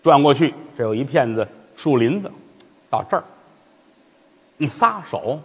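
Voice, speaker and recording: A man telling a comic traditional story, lively and chuckling in asides to listeners. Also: medium pitch, unhurried, gravelly, slightly rough, long reverb tail.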